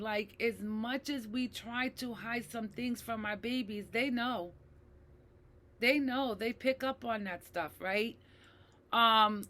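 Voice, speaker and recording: A woman's voice: fairly high pitch, bright, forceful tone. A middle-aged woman, a mental health advocate, speaking emotionally and personally to her viewers, with many fillers and tag questions. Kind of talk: personal talk to camera.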